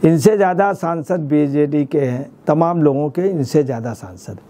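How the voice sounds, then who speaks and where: A man's voice: a little high, normal speed, dark tone, slight background noise. A man, a senior journalist, giving emphatic political commentary in a news interview, repeating his points.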